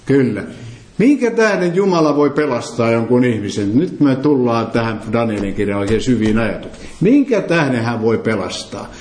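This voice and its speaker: A man's voice: mid-range voice, sing-song, darkish tone. Man preaching in an echoey hall. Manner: quizzes the listeners with questions, emphatic. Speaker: preacher leading a Bible study. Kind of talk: interactive sermon. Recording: roomy echo.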